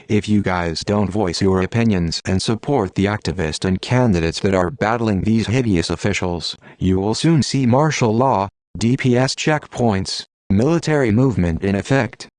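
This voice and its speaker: A man with a fairly low voice delivers a scripted activist message. He addresses his audience formally, in a solemn and declamatory warning manner. The sound is very dry, with no room around the voice. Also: darkish tone, no room sound. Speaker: activist spokesperson.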